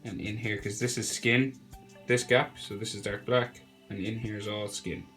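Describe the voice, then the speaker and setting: A young man with a cold talks at a moderate pace in a lowish, nasal voice, narrating a drawing tutorial. His step-by-step instructions are relaxed and chatty, and faint music plays in the background.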